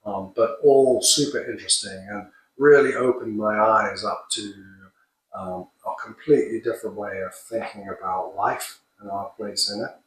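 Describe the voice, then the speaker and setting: A man in his fifties talks in a low, fairly flat voice, relaxed and unhurried, pausing often and reaching for filler words. He sounds set back from the microphone in a roomy space with echo around him. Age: 50s. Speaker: creator of a crowdfunded project. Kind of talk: casual personal introduction. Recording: roomy echo, mic at a distance.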